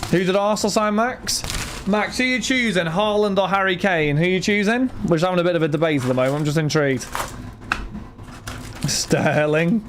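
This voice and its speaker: A young man chats on a live stream, arguing with his viewers and repeating himself in disbelief. His voice sits a little high for a man. A faint hiss of noise runs underneath. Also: normal speed. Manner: argumentative, incredulous, repeats himself. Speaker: card break streamer. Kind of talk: casual live-stream chat.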